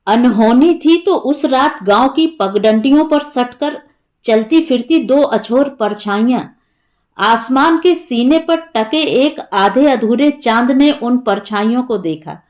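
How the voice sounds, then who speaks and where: Telling a Hindi short story in a fairly high voice, a woman keeps a calm, measured storyteller's manner and lightly voices each character.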